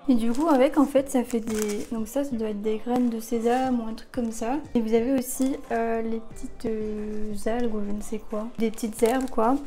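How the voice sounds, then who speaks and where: A woman's voice: on the high side, fairly even intonation, moderate pace, few pauses, mellow, faint music behind. A young woman in a casual food tasting vlog, chatting and rambling with many fillers. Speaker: vlogger.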